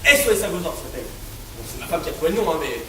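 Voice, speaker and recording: A teenage boy in an amateur stage play, acting a crude, hot-headed, bigoted male juror who rants and shouts. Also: on the high side, very animated, rapid-fire, background noise. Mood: chatty. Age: teens. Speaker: student actor. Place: theatre stage, live performance. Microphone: distant room mic. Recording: echoey theatre from far off.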